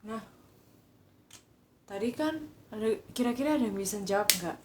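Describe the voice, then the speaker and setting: A woman's voice: a little high, animated, normal speed. A woman Mandarin teacher from Indonesia giving a casual live online lesson, explaining step by step. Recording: echoey room, faint noise.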